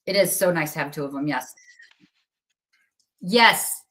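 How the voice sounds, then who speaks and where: A woman's voice: sits low, lively intonation, measured pace, fairly bright tone. A woman hosting a live craft sales stream, chatty and upbeat, giving away prizes and reading out winners. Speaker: livestream host for a craft company.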